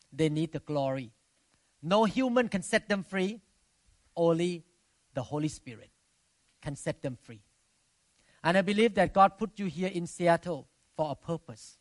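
A man with a fairly high voice preaches as a pastor, urging his listeners in short, deliberate phrases. His English. The sound is fairly dry, with little room around it. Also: no room sound. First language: not English. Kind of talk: sermon.

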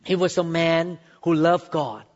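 A man in his sixties, from Thailand, preaching a sermon with emphatic, drawn-out phrases and sudden rises in pitch. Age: 60s. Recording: dull sound with long hall reverb.

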